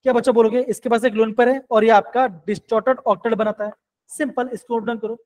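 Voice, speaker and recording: A man's voice: very high-pitched, fairly even intonation, quick pace, darkish tone, low-quality recording. A male chemistry teacher, teaching a live online class and coaxing students with repeated questions.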